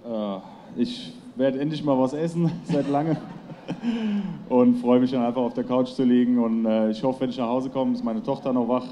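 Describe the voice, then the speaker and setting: A young man answering interview questions as an athlete, relaxed and with many hesitations. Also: medium pitch, normal speed, slight background noise.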